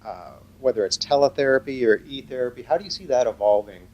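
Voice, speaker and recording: A man moderating a question session, speaking haltingly and restarting his phrases as he puts a question together. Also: medium pitch, a little mellow, lo-fi sound. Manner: halting, repeats phrase openings. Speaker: moderator relaying audience questions. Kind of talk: unscripted question-asking at a talk.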